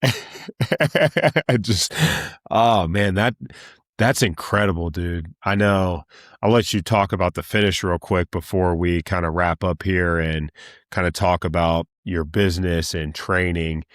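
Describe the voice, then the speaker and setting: A man with a very deep voice hosts a podcast, relaxed and matey, putting short questions to his guest. The recording is dry and close to the mic. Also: unhurried, dry recording. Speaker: podcast host. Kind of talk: casual interview.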